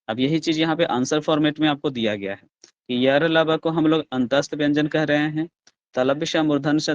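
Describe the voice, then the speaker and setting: Hindi grammar teacher sounding out letters. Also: male voice, on the high side, dry recording, dull audio. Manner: explains step by step, asks the class questions and answers them himself; sounds out letters slowly and loudly. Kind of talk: online class lecture.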